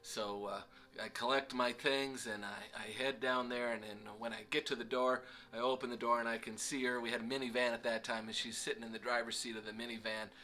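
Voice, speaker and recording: A man's voice: medium pitch, flat delivery, fairly quick, sharp tone. A middle-aged man casually telling a self-deprecating story with lots of fillers. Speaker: vlog host.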